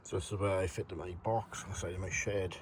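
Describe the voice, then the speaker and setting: A man's voice: sits low, steady tone, fairly quick, slight background noise. A man giving a casual, matter-of-fact hands-on demonstration in short, plain-spoken phrases. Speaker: hobbyist demonstrating a homemade gadget. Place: shed and garden, partly outdoors.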